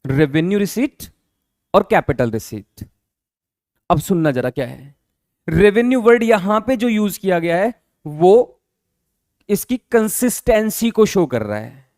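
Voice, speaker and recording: High-voiced man teaching accounting, dry sound. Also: sing-song, measured pace, long pauses, a little mellow, dry recording. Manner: explains patiently, repeats key terms, quizzes listeners with checking questions. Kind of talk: classroom lecture.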